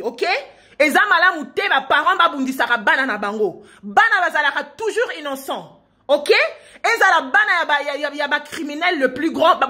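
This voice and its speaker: High-voiced woman, fervent appeal. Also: bright, forceful tone. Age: 20s. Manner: insistent, repetitive, rhetorical questions, stumbling restarts. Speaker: provincial deputy denouncing her parents. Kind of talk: impassioned public appeal.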